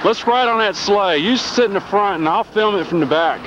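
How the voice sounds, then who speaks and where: A man's voice: high-pitched, moderate pace. A man casually joking while filming friends outdoors on a snowy sledding hill, heard through the muffled sound of an old VHS home video camcorder. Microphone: camcorder microphone. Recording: dull lo-fi old VHS tape, loud noise.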